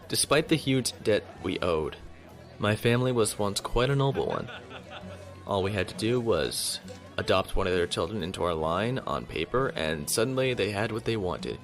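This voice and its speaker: A man with a voice on the low side plays a composed young noble who serves as a naval lieutenant in a science fiction audio drama. His delivery is formal, measured and coolly defiant.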